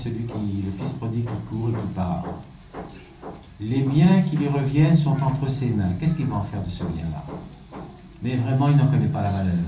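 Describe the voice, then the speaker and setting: A man's voice: medium pitch, dark tone, a little hiss or hum. Man preaching in a roomy church. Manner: measured, reflective preaching with rhetorical questions. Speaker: bishop. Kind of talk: sermon. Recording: roomy church sound, distant mic.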